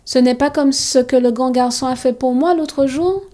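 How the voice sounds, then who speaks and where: A woman's voice: high voice, normal speed, dark tone, voice pushed up, natural voice. A woman voicing a young schoolboy who is kind and earnest, in a storybook reading.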